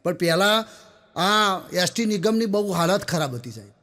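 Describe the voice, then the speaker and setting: A man, pitched high for a man, reels off comic jokes one after another. He tells them in a chatty, storytelling way and keeps turning to speak straight to his listeners. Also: expressive, normal speed, pushed and bright. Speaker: stand-up comedian. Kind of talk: Gujarati folk joke telling.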